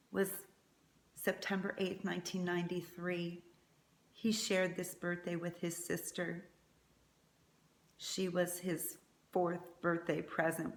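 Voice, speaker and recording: A woman's voice: on the low side, flat delivery, takes it slowly, long pauses. Faltering, tender woman in an echoey room. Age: middle-aged. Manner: faltering, tender eulogy delivery. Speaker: mother giving a eulogy. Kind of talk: prepared eulogy speech.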